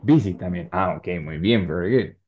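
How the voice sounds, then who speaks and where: A man's voice: low-pitched, moderate pace, lo-fi sound, slight background noise. A man teaching an English class online in Spanish, patient and encouraging as he explains and corrects students.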